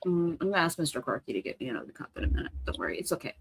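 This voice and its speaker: Animated chatty woman hosting a live stream. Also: sits low, creaky, a little hiss or hum. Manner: animated, chatty, quick to laugh. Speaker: livestream host. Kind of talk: casual live reaction chat.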